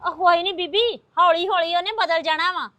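A woman playing a meek young daughter-in-law who talks softly to calm her mother-in-law. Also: very high voice, normal speed, no room sound. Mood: soothing. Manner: soft, placating.

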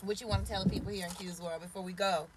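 Heavy background noise surrounds a woman in her forties who streams live from a parked car through a phone camera at arm's length. Her medium-pitched voice stays fairly even as she talks very fast, joking and greeting viewers by name.

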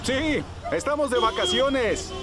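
A man's voice: extremely high pitch, expressive, slow, a loud crowd, heavily acted. A man voicing a jolly, overconfident father pig in a children's cartoon. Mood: breezy, jolly.

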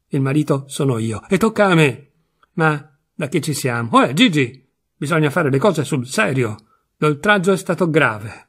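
A man reading a story aloud, voicing a weary, ironic husband who teases and half-mocks; his voice is husky. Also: fairly high pitch. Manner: sardonic, teasing, half-mocking. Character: sly, weary middle-aged husband, ironic. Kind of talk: literary audiobook reading.

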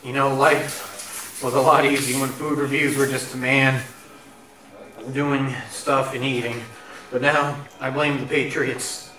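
A man's voice: mid-range voice, little pitch movement, unhurried, bright, forceful tone, echoey room, far from the mic. A man doing a parody food review, talking muffled through a face mask with mock-melodramatic complaints. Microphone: head-mounted camera.

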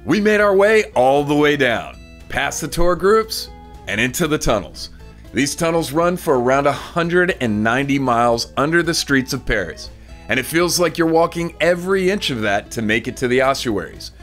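A man's voice: a little high, expressive, normal speed. A man narrating a travel video in a scripted voice-over, delivered in an informative, tour-guide way. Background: soft music bed.

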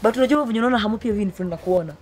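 A woman's voice: mid-range voice, very fast, darkish tone. A young woman with a Kenyan accent telling personal stories casually, switching between Swahili and English. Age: young adult. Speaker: guest, comedian. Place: outdoor garden. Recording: clearly noisy outdoor ambience.

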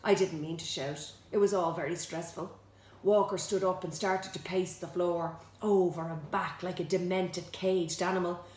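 A woman reading aloud from her own children's book, lively and expressive, jumping higher for the characters' lines. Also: moderate pace, roomy sound. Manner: lively, swoops high for quoted characters. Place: home.

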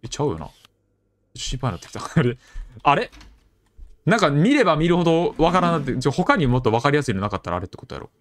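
A young man with a Kansai accent commenting on a horror game as he plays, chatty and jokey, with sudden loud outbursts. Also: fairly high pitch, sing-song, quick pace, long pauses. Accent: Kansai Japanese. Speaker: game streamer.

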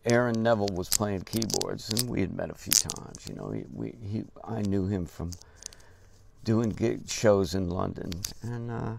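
An older man telling a casual story about his drumming days, halting and unhurried, with many pauses and restarts. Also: lowish voice. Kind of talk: casual spoken anecdote. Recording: noisy recording with clear background hiss.

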